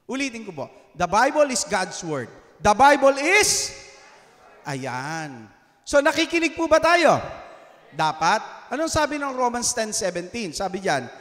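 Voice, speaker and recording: A man with a Filipino accent preaching a sermon in a church, animated and teasing, asking the congregation questions and switching between Tagalog and English. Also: sits high, long reverb tail. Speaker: pastor. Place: church hall.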